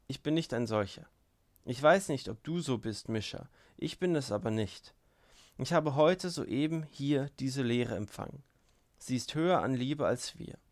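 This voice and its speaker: A man reading an earnest, impassioned young novice monk in an audiobook. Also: medium pitch. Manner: earnest, pleading. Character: young male novice, gentle but impassioned.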